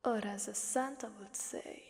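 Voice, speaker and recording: A woman voicing a sinister female Krampus demon in an ASMR roleplay, mostly whispering in a breathy, teasing, menacing way with drawn-out phrasing. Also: fairly high pitch, steady tone, a little mellow. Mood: hungry, seductive. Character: sinister female Krampus demon who hungers for sinful humans. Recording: long hellish reverb.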